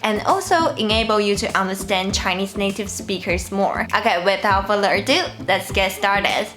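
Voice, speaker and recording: A woman hosting her own channel as a Mandarin teacher, explaining listening tips in a clear, deliberate scripted lesson. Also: mid-range voice, over loud music.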